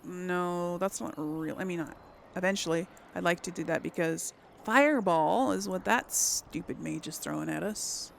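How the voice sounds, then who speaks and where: Her voice is on the low side and creaky, moving at a normal speed as she offers musing, hesitant gaming commentary for a role-play let's play, often letting sentences trail away. A faint hiss or hum sits underneath.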